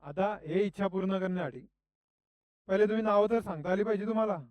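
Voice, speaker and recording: A man's voice: sits high, fairly even intonation, fast, a little mellow, no room sound. Chatty male teacher quizzing a class. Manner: chatty, questioning students. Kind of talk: classroom lecture.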